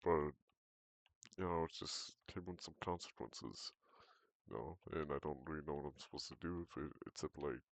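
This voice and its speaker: Teen boy with a very low, gravelly voice, loose rambling gamer chat, dry close sound. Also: moderate pace, dry recording. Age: teens. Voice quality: very deep voice. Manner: rambling, hesitant, self-correcting. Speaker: gaming vlogger. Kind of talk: casual chat while gaming.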